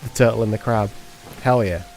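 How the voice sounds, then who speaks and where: A man's voice: lowish voice, fairly quick, a little mellow, soft background music. A man giving casual, rambling commentary while playing a game, joking and muttering to himself. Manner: rambling, jokey, sings to himself. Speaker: streamer.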